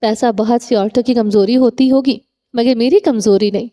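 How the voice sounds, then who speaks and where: A proud, stubborn young heroine who speaks with defiant earnestness, read by a woman narrator. Her voice is fairly high with a dark, mellow warmth. Audiobook storytelling. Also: fairly even intonation, lightly acted.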